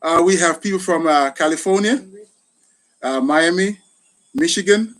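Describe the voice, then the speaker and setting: A middle-aged man with a Jamaican accent, a retired soldier who runs a gardening channel, hosts a casual live chat and thanks people often. His voice is on the high side and fairly bright, and he speaks unhurriedly.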